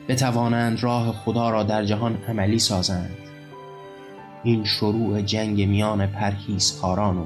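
A man reads his own novel aloud, low in pitch and keeping a flat, level delivery throughout. Faint music sits underneath the narration. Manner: even, measured literary reading. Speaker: author and narrator. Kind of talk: audiobook narration.

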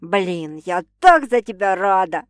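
A woman's voice: lowish voice, expressive, measured pace, fairly bright tone, no echo, clean studio sound. A woman voicing a blunt, skeptical older sister who talks in brash slang in an audiobook.

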